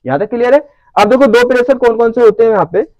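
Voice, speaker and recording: A man's voice: very high-pitched, quick pace, darkish tone, dry recording, rough recording. A man teaching a lecture who keeps asking the class whether they follow. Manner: checks understanding with repeated questions.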